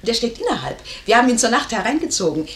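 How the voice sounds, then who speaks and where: An actress playing a pert, sharp-tongued young lady's maid in a 1950s German radio play. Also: a little high, big pitch swings, fast talker. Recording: roomy, faintly noisy 1951 radio recording.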